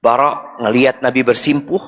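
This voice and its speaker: A man's voice: mid-range voice, fairly even intonation, normal speed, fairly bright tone, in a large hall. A man preaching a sermon. He recites Arabic phrases, explains them, and asks his listeners questions. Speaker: Islamic preacher.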